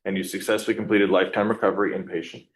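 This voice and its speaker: Deep-voiced man questioning in court. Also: flat delivery, poor audio. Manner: measured, checking facts one by one.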